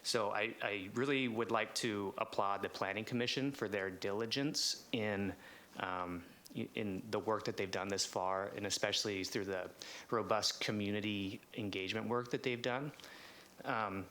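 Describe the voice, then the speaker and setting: Low, bright-voiced American man, halting. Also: fairly even intonation. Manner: halting, filler-heavy, polite. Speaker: housing coalition representative giving public comment. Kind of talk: semi-formal public comment.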